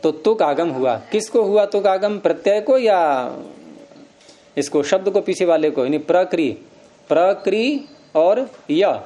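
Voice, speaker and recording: Questioning Sanskrit grammar teacher, mellow voice. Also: male voice, high-pitched, lively intonation, measured pace. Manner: explains step by step, quizzing students with questions. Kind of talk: classroom lecture.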